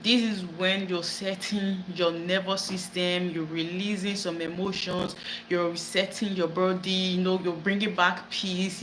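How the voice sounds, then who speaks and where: Bright-voiced woman giving earnest self-help advice. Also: fairly low pitch, slight background noise. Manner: earnest, repetitive, searching for words. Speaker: wellness vlogger. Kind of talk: casual self-help talk to camera. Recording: echoey room with faint background ambience.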